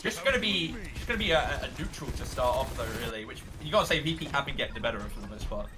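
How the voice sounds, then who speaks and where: A man's voice: medium pitch, lively intonation, racing. A man giving live esports analysis as a co-caster, reasoning conversationally through the match.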